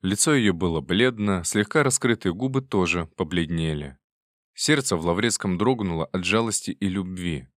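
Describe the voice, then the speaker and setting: A man narrating a classic novel in a measured, even manner. His voice sits low. The recording is dry and close, with no room sound. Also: dry recording. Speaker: audiobook reader. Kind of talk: scripted literary narration.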